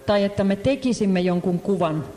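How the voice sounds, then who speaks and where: Live in an echoey hall, an interpreter renders a sermon, hesitating often with fillers and restarts. The voice is mid-range with a dark tone.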